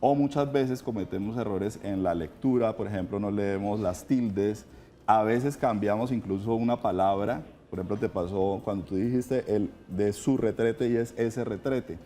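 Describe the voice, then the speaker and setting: A man with a low, mellow voice explains diction in a calm, measured, teacherly way. He talks in a morning TV studio. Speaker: voice coach guest on a morning show.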